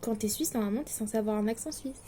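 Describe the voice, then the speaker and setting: Speaking very fast in a fairly high, dark-toned voice, this late-teen Swiss woman chats to the camera about her distance-learning studies. She sounds hesitant, anxious and self-deprecating, with plenty of fillers, and a little background noise is audible.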